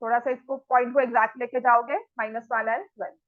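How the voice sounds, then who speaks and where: A high-voiced woman teaches maths to a class and keeps checking that the students follow. She scolds the students firmly and talks straight to them. The sound is dry and a little dull, like a lo-fi recording. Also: fairly even intonation, quick pace, dry recording.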